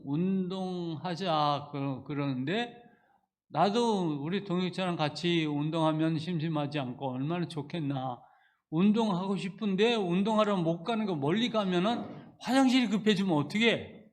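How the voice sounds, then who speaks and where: A male pastor delivers an earnest sermon built on personal testimony. His voice sits high for a man. He drifts between hushed, reflective passages and loud, pleading outbursts.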